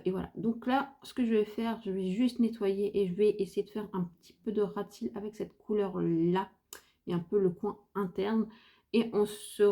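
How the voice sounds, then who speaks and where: A woman's voice: mid-range voice, dark tone. A woman from France chatting casually through a makeup tutorial, hesitant and thinking aloud with lots of fillers. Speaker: beauty vlogger.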